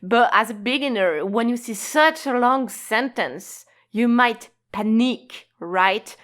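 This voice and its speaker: With a fairly high, fairly bright voice, a woman leads an online language lesson. She speaks slowly and patiently in an explanatory manner, drawing out key words and laughing lightly here and there.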